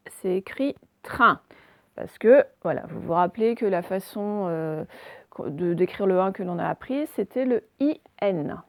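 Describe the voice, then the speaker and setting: Woman, schoolteacher, phonics lesson, careful articulation, gravelly voice, dry recording. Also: mid-range voice, no room sound. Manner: slow, carefully articulated words for dictation. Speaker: primary school teacher. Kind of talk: remote phonics lesson for young children.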